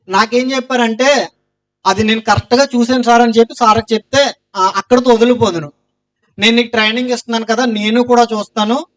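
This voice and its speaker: High-voiced man giving an earnest testimony. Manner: earnest storytelling, loud cries of Jesus' name. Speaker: testimony speaker.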